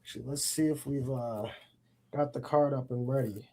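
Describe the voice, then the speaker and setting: A man's voice: mid-range voice, steady tone, moderate pace, mellow, a little hiss or hum. A man speaking casually as a guest on a wrestling podcast. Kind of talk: casual chat.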